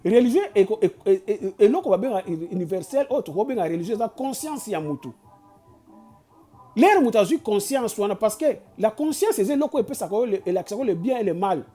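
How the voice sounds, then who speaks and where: This Congolese channel host from Kinshasa, speaking with a Congolese French accent, delivers an impassioned address mixing Lingala and French, preachy and urging, full of restarts and stammers. He talks fast in a mellow mid-range voice with lively intonation over soft background music.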